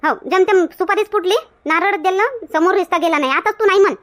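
A woman's voice: extremely high pitch, quick pace, a bit bright. A woman playing fiery village woman Shantabai. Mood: scolding. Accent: Varhadi Marathi. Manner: scolding, blunt, lecturing. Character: outspoken village woman Shantabai, quick to flare up. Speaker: comic actor. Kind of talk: village comedy skit.

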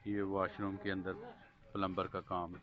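A man walking around an outdoor building site, narrating the progress calmly to his phone camera. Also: low voice, normal speed. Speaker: vlogger showing building work. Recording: dull lo-fi phone audio with loud music. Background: loud background music.

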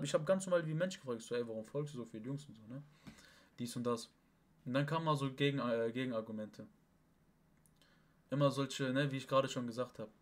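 A young man with speech rambles on in a casual stream chat. He talks in emphatic bursts, swearing oaths and restarting his sentences. His voice sits in a middle range. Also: medium pitch. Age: young adult. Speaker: livestream host. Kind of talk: casual venting to an online chat partner.

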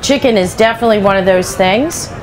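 On a trade show stage amid crowd noise, a middle-aged woman chef runs a live cooking demonstration through a headset. She speaks fairly quickly at a medium pitch, keeping things practical and conversational with plenty of "you know" asides.

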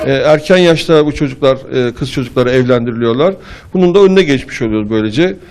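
A man speaks haltingly in an interview as a charity founder. His voice sits at a middling pitch. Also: darkish tone. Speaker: founder of youth sports charity. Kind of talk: interview statement.

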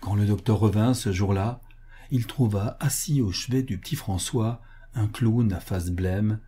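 A man narrates a short story in a measured, expressive way, drawing out the important phrases. His voice is low and mellow, with a husky, breathy edge. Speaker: volunteer audiobook reader.

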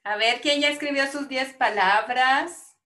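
A woman teacher with a Guatemalan Spanish accent, running an online class for young pupils, calling them affectionate names and reading words out slowly. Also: sits high, pushed and bright. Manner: affectionate, calls pupils "mi amor". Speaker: primary school teacher.

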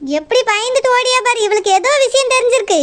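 A woman plays a suspicious young village woman with a Kanyakumari Tamil accent who scolds and accuses. Her voice is very high and bright in a homemade village serial. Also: animated, quick pace. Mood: accusing.

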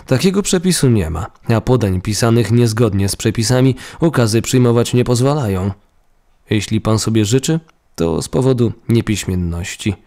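A man's voice: mid-range voice, lively intonation, moderate pace, warm tone, lightly acted. A man voicing a pedantic provincial clerk who insists on regulations. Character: fussy male provincial clerk, stickler for rules.

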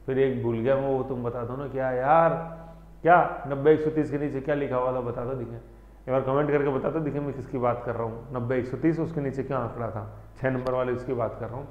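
A man's voice: mid-range voice, steady tone, a little fast. A man teaching an exam-prep history lesson, playful and teasing as he quizzes his students. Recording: echoey room, slightly dull sound.

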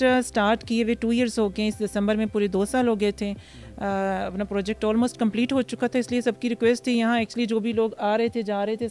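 A woman in her thirties from Pakistan, a restaurant founder answering interview questions outdoors into a handheld mic, pausing often with fillers. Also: medium pitch, darkish tone. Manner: hesitant, many fillers, mixes English words. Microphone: handheld mic held by interviewer.

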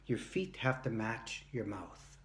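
Slow and lowish, with big swings in pitch, this early-fifties motivational speaker and workshop leader addresses the camera earnestly and emphatically. He shares anecdotes and performs brief quoted exchanges, filmed at arm's length on a phone or device in a sloped-ceiling room at home.

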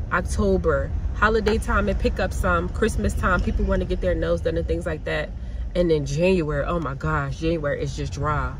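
A woman vlogging casually about her new nail salon, candid and rambling, from Pennsylvania. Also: fairly low pitch. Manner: candid, rambling, uses y'all and like a lot. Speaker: nail tech and salon owner. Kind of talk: casual vlog chat. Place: in a car. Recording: car and street noise behind.

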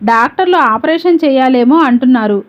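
A woman's voice: high-pitched, lively intonation, a little fast. A woman reading the part of a grief-stricken father in a spoken story, her voice trembling and pleading, on a dull lo-fi recording. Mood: anguished.

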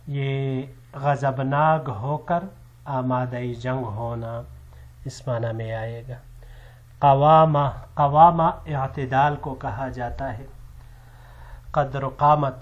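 A man teaching an Arabic vocabulary lesson in a measured way, listing word forms and their meanings one after another. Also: mid-range voice. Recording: slightly dull lo-fi recording.

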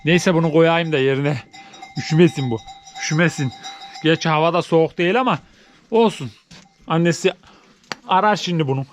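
A man's voice: a little fast, long pauses. Man cooing at newborn goats. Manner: coos and baby-talks at animals, rising high and loud; drops to soft, low chatter when explaining. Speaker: village vlogger tending goats. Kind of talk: casual chat to camera while doing farm chores. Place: outdoors at a snowy farm barn.

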